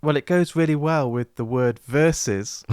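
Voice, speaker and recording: A man's voice: on the high side, moderate pace, darkish tone, smooth, dry recording, clean studio sound. A man co-hosting a music podcast, bantering in a wry, self-deprecating way. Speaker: podcast co-host. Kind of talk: casual podcast chat.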